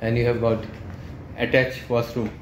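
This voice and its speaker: Male tour narrator from India, halting and plain, recorded on a phone in a bare echoey flat with loud background hum. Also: medium pitch. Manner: plain, halting, pointing things out as he walks. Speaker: property tour guide. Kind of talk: walkthrough narration. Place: empty furnished flat, indoors. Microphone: handheld phone camera. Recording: echoey room with loud air-con and traffic hum.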